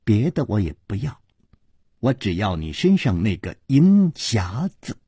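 A man voicing a sly, mocking boy servant who teases smugly, sometimes dropping to a soft sneer. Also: fairly low pitch, big pitch swings, a little slow, slightly rough, no echo, clean studio sound, voice pushed down, heavily acted. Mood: sly, teasing. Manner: teasing, smug, soft sneering asides.

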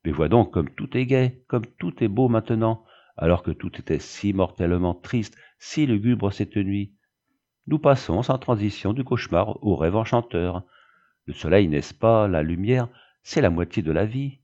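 Man reading as a gentle young country pastor. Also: fairly low pitch, lively intonation, normal speed, dull audio. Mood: cheerful. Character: young male country pastor, kind and devout.

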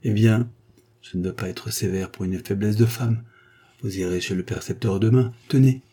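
A man voicing an earnest, kindly older gentleman who gently lectures a young woman in a story reading. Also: fairly low pitch, steady tone, moderate pace, close to an everyday voice. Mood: stern. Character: kindly grave older gentleman, a tax collector.

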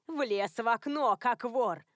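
An indignant elderly widow scolds slowly and with menace, as a woman reader puts her on. Her voice is a little high, and the recording is dry and close. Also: dry recording. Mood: scolding. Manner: scolding, slow and hissing.

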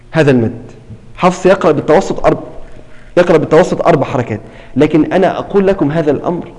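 A tajweed class is taught by a man whose fairly high voice is a little mellow and echoes with long hall reverb. He questions his students, repeats each term, and slowly elongates words to demonstrate their reading.

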